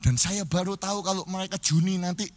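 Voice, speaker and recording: A middle-aged man, a pastor, preaching a humorous sermon to a live church congregation, addressing them constantly and breaking into sung and shouted phrases. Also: sits high, steady tone, fast talker.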